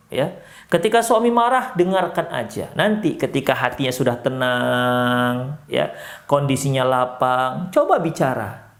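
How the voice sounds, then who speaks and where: A male Islamic preacher from Indonesia with a Medan accent, giving a sermon in a mosque. He talks in an animated way, climbing sharply for emphasis and then dropping low and soft. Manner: animated, rises sharply in pitch for emphasis, drops low and soft when counselling.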